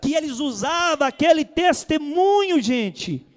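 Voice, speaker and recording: Brazilian pastor guy preaching, super high voice, dramatic swings. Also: sing-song, a little slow. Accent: Brazilian Portuguese. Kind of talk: sermon.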